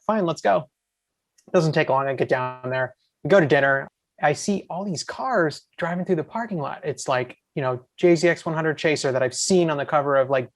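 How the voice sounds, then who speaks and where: American guy, bit higher voice, rambling excited podcast story. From USA. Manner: excited, rambling, quotes himself. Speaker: podcast guest. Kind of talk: casual storytelling chat.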